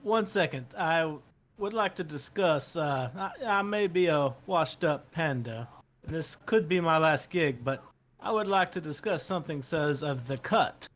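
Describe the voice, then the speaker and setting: A man's voice: on the high side, lively intonation, moderate pace, a bit bright. A man voicing a washed-up male panda crook who speaks formally and politely. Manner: formal, old-fashioned phrasing.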